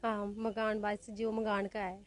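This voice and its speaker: A woman's voice: medium pitch, little pitch movement, a little slow. A mother, interviewed on the street and plaintively asking for help.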